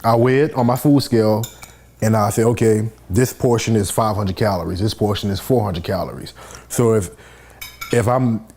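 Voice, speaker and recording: A man's voice: on the low side, normal speed, a little mellow, breathy edge. A man, a fitness coach, explaining things step by step in casual chat.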